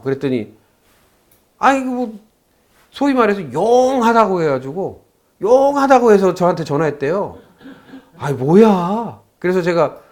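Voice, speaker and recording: A man's voice: high-pitched, darkish tone. A man lecturing a class on saju fortune-telling. He tells a story by acting out both sides of a phone call and puts questions to his students.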